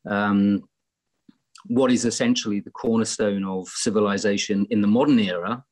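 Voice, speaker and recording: Low-voiced and reflective, an English guest musician speaks at a normal pace in a steady, darkish tone. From indoors in a home room in Greece, he joins a casual interview chat by laptop webcam on a video call, rambling with frequent fillers and restarts.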